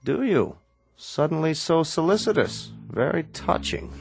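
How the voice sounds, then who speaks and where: In a radio drama, an actor voices a stern, sardonic medical researcher who talks in a measured, commanding manner. His male voice sits fairly high and is very animated and heavily acted, with vocal fry and a darkish tone. Faint music plays behind him.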